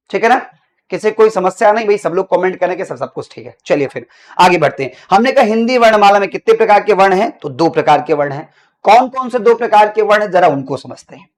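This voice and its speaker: A male teacher giving an online grammar lesson. He asks the class questions, answers them himself, and repeats key phrases. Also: sits high. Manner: slows down to dictate notes.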